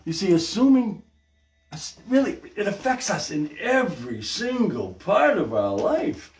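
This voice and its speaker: An older man hosting a casual livestream podcast from his hallway at home, talking to viewers in an animated, folksy way through a propped-up phone. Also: high voice, unhurried. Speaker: podcast host. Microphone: phone or camera propped on a stand. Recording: echoey hallway with music playing.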